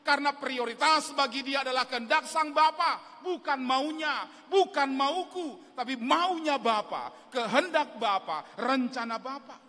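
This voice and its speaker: A man's voice: extremely high pitch, expressive, measured pace, few pauses, bright, forceful tone. A man preaching a sermon as pastor, telling stories with animation and building to emphatic exhortation. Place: large church. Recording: reverberant church hall.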